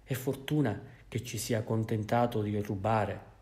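A man's voice: lowish voice, measured pace, darkish tone, close to an everyday voice. A man voicing an elderly female housekeeper, complaining in a raised, fretful voice. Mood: grumbling. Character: fussy old female housekeeper, grumbling.

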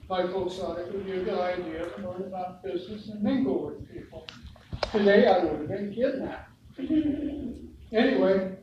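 Recorded on a distant camera across a hard-walled indoor meeting room, this older long-time resident of Lebanon, Oregon, reads reminiscences aloud at a local history talk. The mid-range voice carries an American accent, and the audio is dull, very echoey, and noisy.

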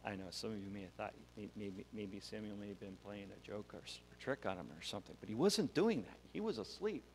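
A man's voice: on the low side, fast. Man telling a church children's story. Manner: animated, acts out the voices in the story. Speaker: pastor giving a children's message. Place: church sanctuary. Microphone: wireless mic. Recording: church hall reverb with faint hum.

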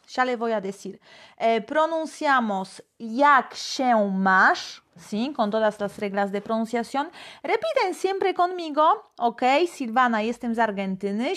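A high-pitched woman leads a live online language lesson. She speaks slowly and repeats phrases for her viewers to copy. She is recorded on a phone or webcam for a live stream. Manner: slow, drills phrases aloud and greets viewers. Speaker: Polish language teacher.

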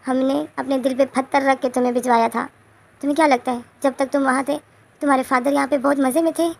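Stern scolding mother, gravelly voice, flat tone, as a woman reads her out in a storybook retelling. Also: high-pitched, fast talker. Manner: scolding, repeats herself. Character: angry mother scolding her grown son.

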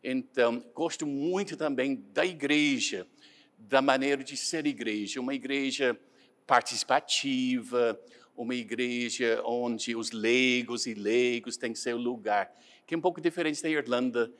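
Irish-born missionary priest, second-language Portuguese speaker, calm anecdotal interview answers. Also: male voice, medium pitch, measured pace. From Ireland.

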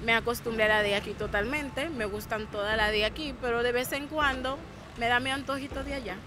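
A woman's voice: fairly high pitch, fairly even intonation, a little fast, background noise. Frank Haitian-born woman, short answers. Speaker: interviewee. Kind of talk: candid interview answers.

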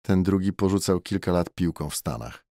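Male audiobook narrator, very low voice, measured and steady, dry close studio sound. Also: no room sound.

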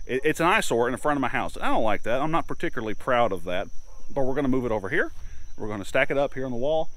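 A man's voice: mid-range voice, lively intonation, very fast, fairly bright tone. A man in his thirties talking through a farm project in a casual outdoor vlog, chatty and plain-spoken with lots of fillers, filmed on a camera held at arm's length in a grassy yard. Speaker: homesteader vlogger. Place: outdoors in a grassy farmyard by a metal building. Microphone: action camera held at arm's length.

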